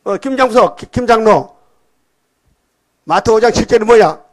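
A man's voice: high voice, animated, measured pace, voice pushed up. A man putting on the voice of a blind old revival preacher who barks indignant questions. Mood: demanding.

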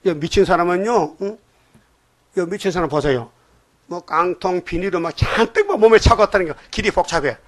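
Male preacher, slightly high voice, emphatic sermon delivery that keeps prodding the listeners. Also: fairly quick. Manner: emphatic, prodding the congregation with repeated "eh?".

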